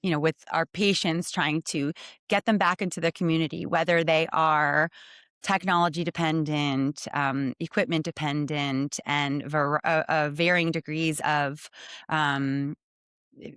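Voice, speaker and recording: A woman, a hospital medical director, speaking as a guest in a conversational storytelling way, reflective and measured with frequent pauses. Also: sits low, fairly bright tone, smooth, dry recording, clean studio sound.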